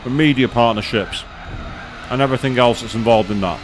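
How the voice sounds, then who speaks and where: A man's voice: medium pitch, fairly quick, background noise. A man chatting casually on a live gaming stream, rambling with many fillers and restarts as he explains things to viewers.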